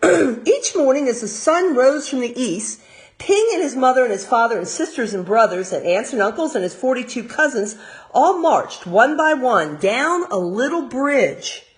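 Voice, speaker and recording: Here an American woman reads a storybook to young children as their teacher, full of expression, breaking off for simple asides to explain. She speaks at a fairly high pitch.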